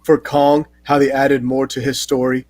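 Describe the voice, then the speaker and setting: A man's voice: mid-range voice, flat delivery, moderate pace, a little mellow, no room sound. Laid-back man in dry close sound. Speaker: host. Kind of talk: casual chat.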